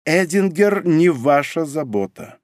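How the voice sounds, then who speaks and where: A man's voice: a little high, lively intonation, measured pace, no echo, studio quality, voice pushed up. A man voicing a cold, domineering woman spy in an audiobook, icy and mocking in manner. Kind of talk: audiobook character reading.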